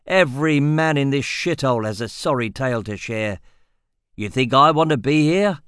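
A man's voice: medium pitch, expressive, normal speed, fairly bright tone, clear, resonant tone, no echo, studio quality, pitched above the performer's own voice, lightly acted. A man voicing a coarse, scornful male convict who talks crudely.

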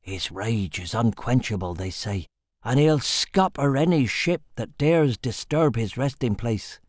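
A man's voice: medium pitch, lively intonation, measured pace, dry recording, studio quality. A man doing a superstitious old sea dog. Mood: ominous. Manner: hushed, foreboding storytelling.

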